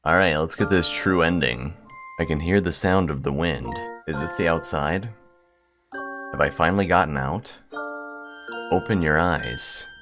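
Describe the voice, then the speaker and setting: A man's extremely low voice moves a little slowly, broken by long pauses, as he hosts a gaming video with music in the background. He alternates casual commentary with reading visual novel text aloud, and his joking is blunt, crude, and sweary.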